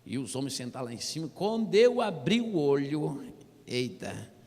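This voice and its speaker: A man with a Brazilian accent giving a humorous church testimony, animated and constantly addressing the listeners as brother. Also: on the high side, normal speed. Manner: animated storytelling, keeps calling listeners "brother". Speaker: testimony speaker. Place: church hall. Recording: reverberant church hall.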